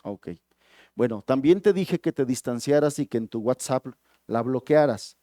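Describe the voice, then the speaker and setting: A man voicing a pastor who questions a troubled man calmly and softly. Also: mid-range voice, moderate pace, no room sound, clean studio sound, pitched below the performer's own voice, lightly acted. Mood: calm probing. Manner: calm, questioning, soft-spoken. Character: calm, probing male pastor counseling.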